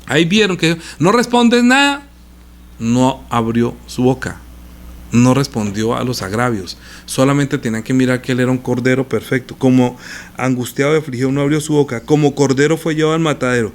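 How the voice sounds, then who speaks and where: Animated preacher man. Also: on the high side. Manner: animated, rhetorical questions to the congregation. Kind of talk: conversational Bible teaching.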